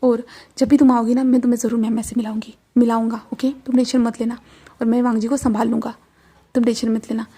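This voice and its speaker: A woman's voice: a little high, level tone, fast talker, dark tone, slightly rough. A woman voicing an earnest caring young man. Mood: reassuring.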